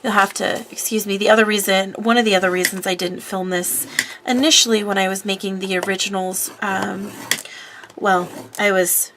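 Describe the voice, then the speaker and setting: A woman who hosts papercraft videos chats casually at her craft desk, rambling with plenty of fillers while she works. Her voice is medium-pitched, level, and at normal speed, congested from a cold, with background noise present.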